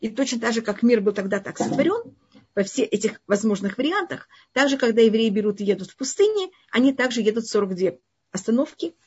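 A woman whose voice is a little high, sing-song, darkish and slightly rough talks fairly quickly with a foreign accent; she is not a native Russian speaker. Leading a live online religious lesson, she fields audience questions and drives her points home through emphatic repetition and rephrasing. The stream sounds lo-fi and dull.

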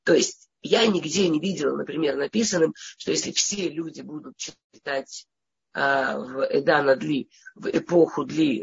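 Speaking low and creaky with a breathy edge, a teacher who has a cold delivers an informal religious lesson. She hesitates, frequently stammering and restarting, and the audio's high end is cut off.

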